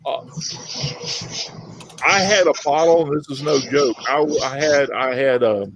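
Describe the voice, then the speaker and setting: A man hosts a woodworking talk show as a casual live group chat about his craft, rambling in a folksy way and often repeating himself. His medium-pitched voice is a little slow, and the audio is dull with background noise.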